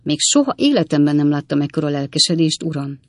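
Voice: medium pitch, sing-song, dry recording. A reader voicing Sam Weller, a witty, worldly young manservant who tells tall tales offhandedly, in a dry audiobook reading. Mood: wry, lively. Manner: wry, storytelling, offhand.

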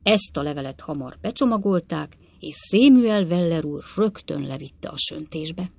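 A woman narrating a classic novel for an audiobook, measured and expressive. Her voice sits low and husky. The recording is dry and close, with no room sound. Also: no room sound.

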